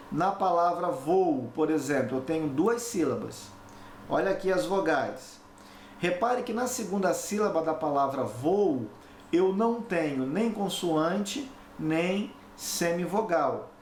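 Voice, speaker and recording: A man's voice: on the high side, darkish tone. A man teaching a recorded lesson, explaining step by step and checking in with tag questions as he repeats the key points. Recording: echoey room, faint background noise.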